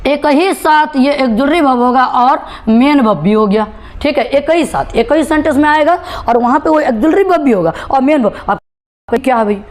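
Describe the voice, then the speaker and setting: A woman teacher runs a classroom lesson in a fairly high voice. She drills words over and over, asks her students to repeat after her, and reassures them with a steady "okay". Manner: reassuring, keeps saying "okay". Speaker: spoken English teacher.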